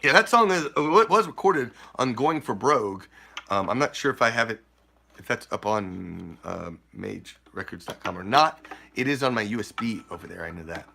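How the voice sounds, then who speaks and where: A man's voice: fairly low pitch, lively intonation, moderate pace, gravelly, sharp tone, a little hiss or hum. A man who is a Celtic folk singer and host, chatting loosely and joking with his audience between songs. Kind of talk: live concert singing with stage banter.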